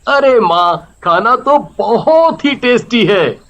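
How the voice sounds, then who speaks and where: A performer voicing a gentle young male doctor who speaks in a soft, caring, mildly scolding way. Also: very high voice, sing-song, slow pace, full character voice. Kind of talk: storybook voice acting.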